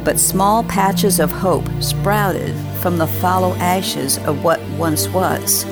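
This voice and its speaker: Slow, solemn post-apocalyptic narrator. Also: female voice, fairly low pitch. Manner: solemn, measured. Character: grave female narrator of a fallen world. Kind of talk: scripted dramatic narration. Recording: loud new-age music behind.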